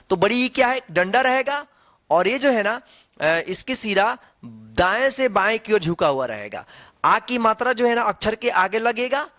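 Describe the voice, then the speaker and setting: A man with a high, animated voice leads a writing lesson. He explains each vowel sign step by step, and his voice swings up and down as he checks that his students are following along. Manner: patient, repetitive, checks in with "theek hai na". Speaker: Hindi teacher. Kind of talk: whiteboard lesson explaining Hindi vowel signs.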